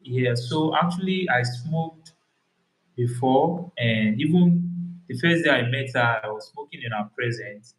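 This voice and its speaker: A man's voice: mid-range voice, animated, a little slow, reverberant, rough recording. A man from Nigeria with a thick Yoruba accent, chatting casually with his partner in a Q&A video. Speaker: co-host of couple channel. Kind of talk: casual couple Q&A chat.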